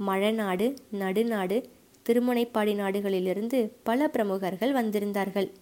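A woman's voice: mid-range voice, a little slow, warm tone, close to an everyday voice. A woman voicing a bold but polite young male warrior messenger in an audiobook, speaking humbly and respectfully. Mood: firm. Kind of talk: audiobook character voice.

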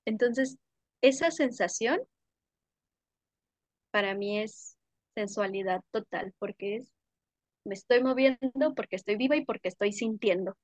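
Effusive young woman, bright voice, dry sound. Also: fairly high pitch, unhurried, pauses often, no echo. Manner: warm, effusive, sensory descriptions with frequent laughs. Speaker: podcast guest, workshop leader. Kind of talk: casual conversational interview.

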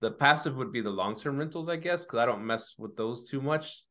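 A man's voice: medium pitch, expressive, brisk, bright, forceful tone. A man in his forties co-hosting a podcast in casual chat, hesitant and rambling, laughing easily. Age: 40s. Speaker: podcast co-host.

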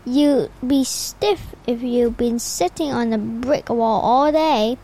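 A woman reading aloud the part of a stern, irritable middle-aged woman professor, with halting slips. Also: on the high side, warm tone, slight background noise.

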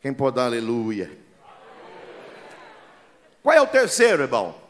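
A man's voice: medium pitch, unhurried, a faint crowd, slight background noise. A man preaching a sermon as a pastor, telling folksy stories and often calling listeners "brother". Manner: lively, acts out the voices in his stories.

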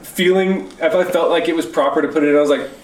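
A man's voice: on the high side, fast talker, a little mellow. A young man chatting casually on a podcast, rambling with lots of fillers and restarts. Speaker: podcast co-host. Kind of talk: casual chat. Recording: roomy and a bit distant from mic.

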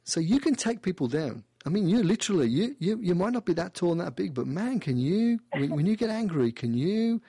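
A male radio host with a fairly high voice gives a caller an animated, playful reading. He talks in a lively way and keeps restarting his phrases. The studio sound is dry and close. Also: a little fast, hardly any pauses, husky, no room sound. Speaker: radio show host doing past-life readings. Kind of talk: call-in radio talk.

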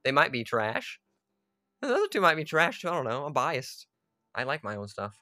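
A man's voice: mid-range voice, normal speed, dry recording, studio quality. A man delivering a casual, rambling rant about video games, swearing often and laughing at himself. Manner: swearing, animated, self-deprecating, laughs often. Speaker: YouTuber ranting about games.

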